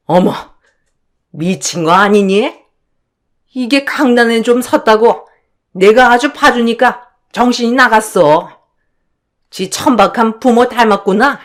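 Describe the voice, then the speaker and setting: A woman doing a snobbish older mother-in-law in a read-aloud drama story, sneering and contemptuous, talking slowly and deliberately so each insult lands. the scorn sits in every line. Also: a little high, pitched above the performer's own voice. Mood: scornful.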